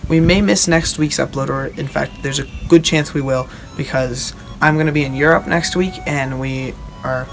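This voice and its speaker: A young man giving a casual, halting show-and-tell as a video host, recorded outdoors at a short distance from the camera. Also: medium pitch, fairly even intonation, creaky, faint music behind. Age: teenager or young adult. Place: outdoors on a wooden backyard deck.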